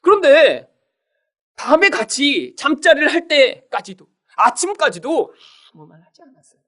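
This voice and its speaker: Male pastor, sermon delivery, high voice that swings widely, addresses the church directly. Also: normal speed. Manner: animated preaching, often addresses "여러분", acts out quoted voices. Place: church sanctuary.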